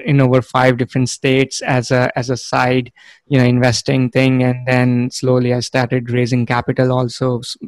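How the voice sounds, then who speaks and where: Flat-toned man. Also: medium pitch, no echo. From India. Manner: measured, frequent fillers. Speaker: guest, real estate fund manager. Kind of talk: conversational interview.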